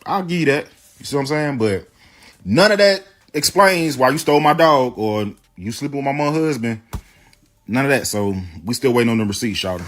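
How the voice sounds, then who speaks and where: Addressing the camera in a casual storytime, this man defends himself emphatically, knocking down each claim in turn. His mid-range voice is expressive, brisk and fairly bright. Slight background noise is present.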